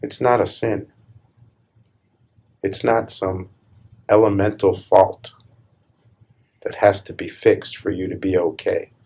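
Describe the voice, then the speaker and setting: Guiding a meditation, a spiritual teacher speaks with a low-pitched, husky, gravelly voice. Short phrases come slowly and deliberately, each followed by a measured pause, in a calm manner.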